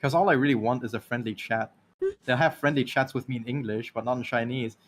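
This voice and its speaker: A man with a Taiwanese accent who lives in Ireland co-hosts a stream, chatting casually and fast in a mid-range voice. He rambles through anecdotes and laughs often.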